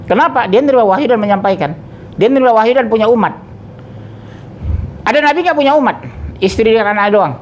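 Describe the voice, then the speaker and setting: A middle-aged man giving a conversational religious lesson, questioning his listeners directly and teaching with animated emphasis. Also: very high voice, quick pace, long pauses, slight background noise. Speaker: preacher.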